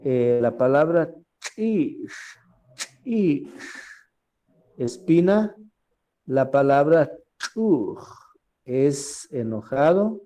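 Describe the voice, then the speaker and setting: Slow, dark-voiced man teaching a class. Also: mid-range voice. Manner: slow, repeats words and asks "¿verdad?" often; clears his throat often. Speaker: language teacher. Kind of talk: recorded language class.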